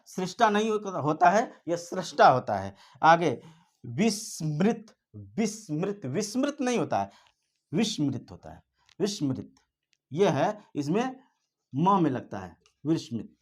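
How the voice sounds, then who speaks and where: A man teaching an exam-prep spelling lesson, repeating each word and explaining it step by step. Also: high voice.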